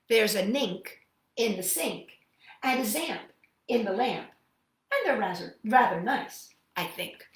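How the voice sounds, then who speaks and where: Speaking in a mid-range voice, a woman reads picture books to young children and talks with them during storytime. Her manner is playful, expressive and sing-song, and the recording has a roomy sound.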